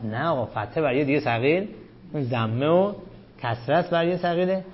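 A man teaching a grammar class. He reads quoted lines slowly and loudly, questions the students and calls them "sir" and "dear". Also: on the high side, lo-fi sound. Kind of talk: classroom lesson, reading a text aloud and explaining it.

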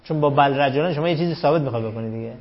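A man teaching a grammar class. He reads quoted lines slowly and loudly, questions the students and calls them "sir" and "dear". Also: medium pitch, lo-fi sound. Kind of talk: classroom lesson, reading a text aloud and explaining it.

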